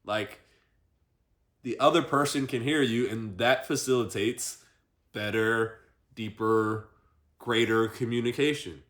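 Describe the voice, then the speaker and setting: A man speaks in a reflective vlog monologue, thinking out loud. His voice sits in an ordinary middle register. He circles his points with frequent fillers and loose restarts. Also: medium pitch, steady tone. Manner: thinking aloud, many fillers, unhurried. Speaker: vlogger.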